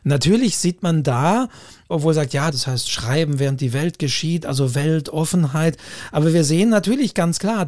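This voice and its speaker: A man speaks in a somewhat high voice, weighing his points carefully and circling back to his own phrases. The sound is dry and close, with no room around it. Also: a little mellow, dry recording. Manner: thoughtful, hedging, repeats phrases. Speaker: podcast co-host. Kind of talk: casual discussion.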